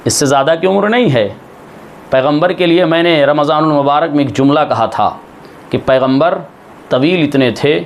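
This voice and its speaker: Male preacher, slow dramatic majlis sermon, voice jumps high on the quotes, faint hiss behind. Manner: slow, dramatic recitation, acting out quoted speech with sudden high swells. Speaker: religious scholar.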